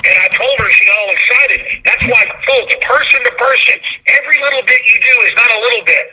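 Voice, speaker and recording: A man's voice: extremely high pitch, quick pace, pushed and bright, husky, poor audio. A man hosting a talk radio show, interviewing and commenting in an emphatic, urgent manner.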